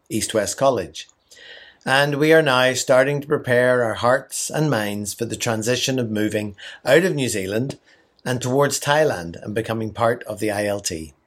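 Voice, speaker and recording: A middle-aged man from Ireland, a mission leader, reading a devotional message in a measured, prayerful way. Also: mid-range voice.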